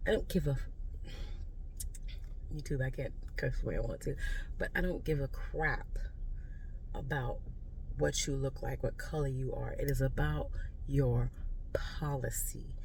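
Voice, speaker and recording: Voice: mid-range voice, vocal fry, darkish tone, slight background noise, rough recording. An exasperated American vlogger giving a casual, unscripted political rant in a blunt, emphatic way. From United States. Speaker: video creator giving political commentary.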